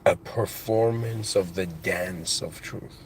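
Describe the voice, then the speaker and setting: A non-native English speaker hosting a channel gives a reflective spiritual monologue, halting and musing, restarting often and using devout phrases. His voice sits low, with slight background noise.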